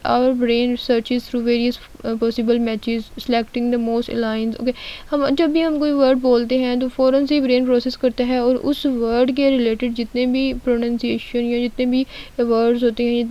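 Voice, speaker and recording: A woman tutor giving an exam-prep lecture. She explains step by step, often checks in with the listener, and reads out definitions slowly. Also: fairly high pitch, dark tone, highs cut off. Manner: explains step by step with frequent "ठीक है" check-ins. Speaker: study tutor.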